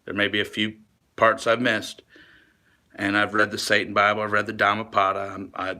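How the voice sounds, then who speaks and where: A man with a low, tense, forceful voice talks straight to camera in a long, rambling monologue. He is earnest and confessional, stumbling over words, restarting sentences and dropping casual swears. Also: monotone, normal speed.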